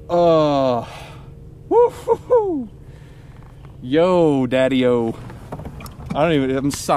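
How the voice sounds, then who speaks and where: A man's voice: medium pitch, a little mellow, slight background noise. Whooping kayak angler, man outdoors. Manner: exclaiming in disbelief, whooping. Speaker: kayak angler filming himself. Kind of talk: excited fishing vlog commentary.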